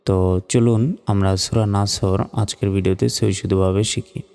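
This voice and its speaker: A man with a Bangladeshi accent teaching Quran reading step by step, spelling out letters and vowel marks and then reciting each word slowly and drawn out. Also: on the low side, little pitch movement, creaky, darkish tone, in a large hall.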